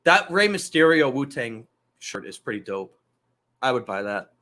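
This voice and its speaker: A man's voice: medium pitch, sing-song, normal speed, bright, forceful tone. A man hosting a casual wrestling talk show, loose and profane, rambling through asides. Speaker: podcast host.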